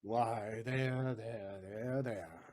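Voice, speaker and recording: An actor in a Shakespearean audio play voices a bitter, vengeful moneylender who is also a betrayed father, his husky, fairly low voice drawing out words. The delivery is theatrical and emphatic, full of anguished grief, and it swings between hushed and loud.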